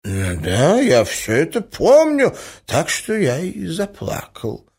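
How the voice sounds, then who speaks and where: Confused elderly prince read by a male narrator, stammering, slow, wandering pitch. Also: huge pitch swings, creaky, darkish tone, breathy edge, full character voice. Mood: delighted. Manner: hesitant, bewildered, stammering. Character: muddled, doddering old prince. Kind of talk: audiobook character reading.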